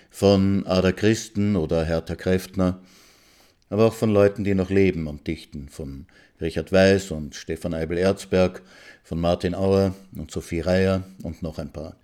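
A man's voice: low-pitched, dark tone. A man hosting a radio program, chatting directly to listeners in a conversational way. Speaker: radio host.

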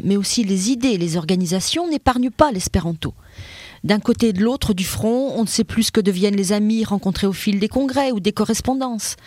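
A woman reads a history segment from a script in a measured, steady way. Her voice sits a little higher than average. The recording is dry and close to the mic. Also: no room sound. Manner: measured reading of a prepared text.

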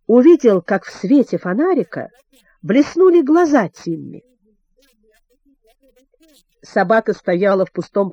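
Expressive woman storybook narrator, mellow, fairly high, very lively pitch. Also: dry recording, highs cut off. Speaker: audiobook narrator.

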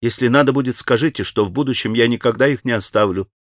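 Man voicing a proud tormented young woman, clipped strained speech, middle pitch, dry recording, audiobook. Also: fast talker, dry recording, close to an everyday voice.

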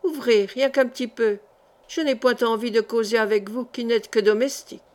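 A woman's voice: fairly high pitch, fairly even intonation, normal speed, close to an everyday voice. A woman voicing a naive, touchy young male bread carrier who talks in clipped rustic country speech, in an audiobook. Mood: piqued.

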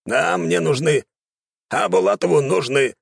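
A man doing a creaky, excitable gnome king. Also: fairly high pitch, a little slow, dry recording, studio quality, voice pushed up, exaggerated voice. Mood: scheming. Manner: exclamatory, theatrical. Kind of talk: audiobook character voice.

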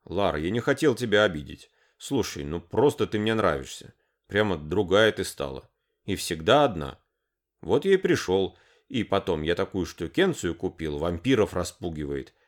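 A man's voice: deep voice, sing-song, normal speed. A man reading the part of a gangly young man who is hesitant and earnest as he makes his case. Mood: awkward, earnest.

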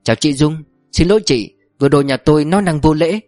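A nervous, henpecked middle-aged husband in an audiobook story, voiced by the male narrator, subdued and uneasy in tone. The close, dry recording has soft music underneath. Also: fairly high pitch, quick pace, no echo, lightly acted.

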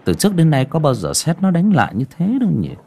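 A man's voice: a little high, huge pitch swings, fast, vocal fry, a little mellow, slightly rough, pitched above the performer's own voice, heavily acted. A man voicing an uneasy young village man in a storybook, muttering and startled.

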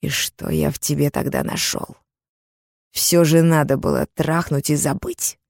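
Brief: woman reader as a vicious armed man, slow menacing threats, dry close sound. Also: low voice, steady tone, gravelly, a little mellow, no room sound, full character voice. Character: brutal armed male kidnapper, cruel and vicious.

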